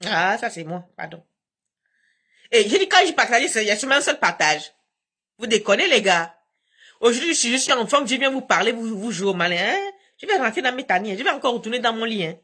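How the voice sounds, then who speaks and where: A woman's voice: fairly high pitch, sing-song, a little fast, pushed and bright, breathy edge. A woman hosting a casual live stream from home on her phone, talking in a combative, emphatic way with frequent laughs.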